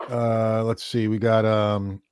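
A man hosting a casual podcast, relaxed and agreeable, reading listener questions aloud. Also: lowish voice, slow, slight background noise. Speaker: podcast host.

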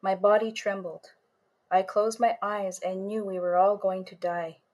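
A woman author and storyteller reading a first-person story in a measured way, lingering on images. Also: mid-range voice, flat delivery, darkish tone.

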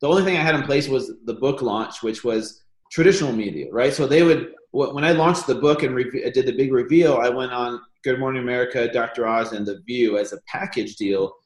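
A man's voice: mid-range voice, fairly quick, roomy sound. A man speaking as a podcast guest, telling his story casually with lots of fillers. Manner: relaxed storytelling with many fillers. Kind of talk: casual conversational interview.

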